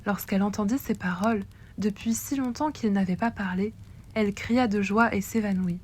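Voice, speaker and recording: A woman storyteller reads a classic tale aloud in a measured, expressive way. Her voice is mid-pitched and steady. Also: a little hiss or hum.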